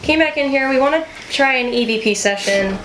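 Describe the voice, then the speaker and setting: A woman's voice: high voice, brisk, a bit bright, echoey room. A woman in her twenties asking spirits questions and chatting casually as a paranormal investigator. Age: 20s. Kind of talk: hushed ghost-hunt questions and casual chat. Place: indoors in a dark old mansion. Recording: noisy location sound with clicks.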